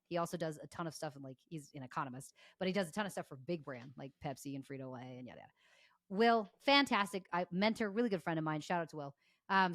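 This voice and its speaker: A young adult woman speaks as a podcast guest, with eager, flowing explanations and quick laughs. Her voice sits a little low for a woman. The sound is dry and close, with no room around it. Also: no echo. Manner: enthusiastic, fast-flowing explanations with frequent laughs. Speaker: guest, consumer behavior strategist. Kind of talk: casual podcast interview.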